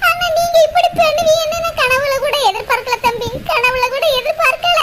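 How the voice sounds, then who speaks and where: A woman's voice: very high-pitched, a little fast, over loud music. A woman voicing a wailing cartoon village sister. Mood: hurt reproach. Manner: wailing, lamenting, repeats her words. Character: grieving village woman, older sister, easily wounded. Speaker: cartoon character. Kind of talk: Tamil cartoon comedy voice acting. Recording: loud background noise.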